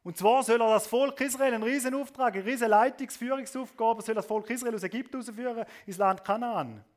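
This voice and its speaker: A man preaching a sermon, swinging between loud emphasis and soft low asides, often adding a questioning tag to his points. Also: a little fast.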